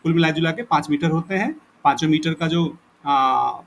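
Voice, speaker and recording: A man teaching a recorded lesson, explaining step by step and repeating points, reading definitions aloud slowly. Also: on the high side, gravelly, a bit bright, a little hiss or hum. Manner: explains slowly in Hindi, reads English definitions aloud haltingly with pauses. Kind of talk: recorded lecture.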